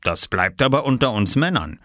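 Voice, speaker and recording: A man voicing a father who speaks softly and conspiratorially. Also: mid-range voice, very animated, normal speed, dry recording, clean studio sound, pitched above the performer's own voice. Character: warm, secretive father.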